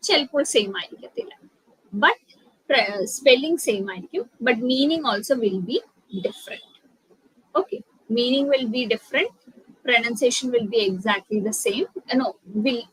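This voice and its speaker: A young woman with a Malayali accent teaching an English lesson, spelling out words letter by letter and switching between careful English and quick Malayalam. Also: fairly high pitch, fairly bright tone, breathy edge, dry recording, poor audio. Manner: slow, deliberate English explanations, mixed with rapid Malayalam. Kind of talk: online spoken-English lesson.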